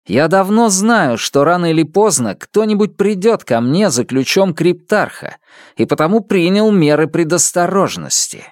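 Man acting out a young storybook detective, defiant, pitched up, lively. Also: normal speed, no echo, studio quality.

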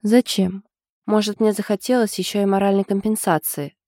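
A drunk, sour ex-boyfriend, as a woman narrator puts him on, sneering and bullying in a storybook scene. The voice sits dark and mellow and sounds dry and close. He pushes harder and louder than the calm narration around him. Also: mid-range voice, normal speed, no room sound, lightly acted. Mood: menacing.

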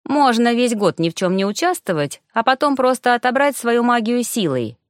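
A woman's voice: on the high side, big pitch swings, moderate pace, dry recording, studio quality, pitched above the performer's own voice. A woman voicing a brash, scheming young male student in an audiobook, talking in a smug drawl. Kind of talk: audiobook character voice.

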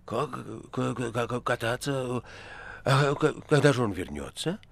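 A man's voice: medium pitch, unhurried, creaky, no room sound. A man voicing a flustered, irate male theatre administrator in an audiobook. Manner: excitable, shouting.

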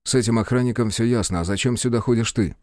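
A man's voice: medium pitch, fast talker, a little mellow, no echo, clean studio sound, close to an everyday voice. A man voicing a blunt, sardonic male psychiatric patient who speaks brusquely and sarcastically.

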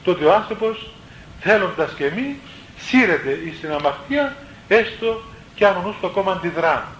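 A priest with a fairly high voice preaches a sermon in a plain, conversational teaching manner. He keeps slipping in little asides and restarts as he explains. The sound is roomy, with a faint hiss of noise behind him. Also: lively intonation, a bit bright. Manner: plain teaching tone, peppered with "let's say" asides and self-corrections. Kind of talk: spoken sermon on spiritual life.

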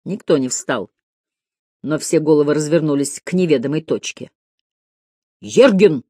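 A woman reading a story aloud as narrator, with a lively, expressive delivery. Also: deep voice, normal speed, slightly rough, dry recording, clean studio sound. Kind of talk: audiobook narration.

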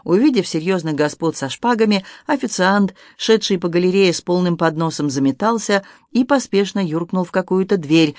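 An audiobook narrator reading a historical adventure in an even, measured scripted narration. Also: mid-range voice, dry recording, clean studio sound.

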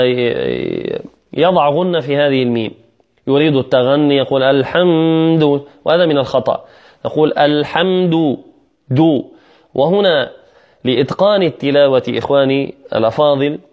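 A man teaching Quran recitation, patiently demonstrating each word slowly and then explaining the common mistakes. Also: medium pitch. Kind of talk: recitation and tajweed lesson. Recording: dull lo-fi recording.

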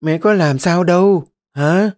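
Man putting on an elderly mother, raised voice, soothing and unhurried, audiobook. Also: high voice, darkish tone, no room sound, clean studio sound, voice pushed up. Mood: reassuring. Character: frail elderly mother, gentle and reassuring. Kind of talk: audiobook character reading.

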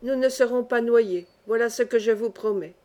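A woman reading the part of a calm old schoolmaster among trapped miners, explaining things patiently in an audiobook. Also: a little high, moderate pace, lightly acted. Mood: explaining calmly. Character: wise old male mine schoolmaster, calm.

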